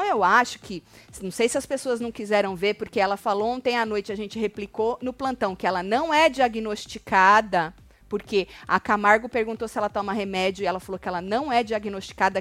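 A woman's voice: mid-range voice, brisk. A woman with a Brazilian Portuguese accent commenting on a reality show, animatedly retelling scenes and acting out what people said. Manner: animated retelling, acts out quotes of others. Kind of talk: casual gossip commentary.

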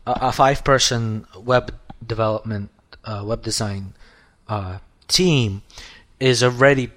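Man, 30s, podcast co-host, loose chatty delivery, sentences start over a lot, voice going hoarse. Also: medium pitch, a little slow, a bit bright. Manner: rambling, restarts often, swears casually. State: losing his voice. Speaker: podcast co-host, app developer. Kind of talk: casual podcast chat.

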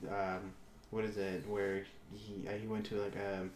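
A man's voice: lowish voice, little pitch movement, a little slow, darkish tone, roomy sound, a little hiss or hum. A man chatting casually, telling stories animatedly, acting out quotes and swearing freely. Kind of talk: casual chat.

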